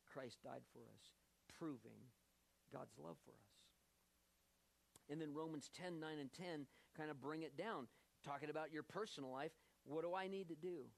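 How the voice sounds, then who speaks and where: A man preaching a sermon as pastor, earnest and emphatic, slowing down to stress key phrases. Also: fairly high pitch, gravelly, poor audio.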